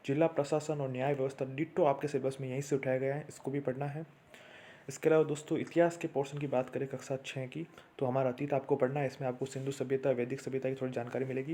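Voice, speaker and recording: Flat-voiced male exam tutor. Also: medium pitch. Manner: steady list-like delivery, addresses viewers as friends. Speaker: exam prep teacher. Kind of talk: exam syllabus walkthrough.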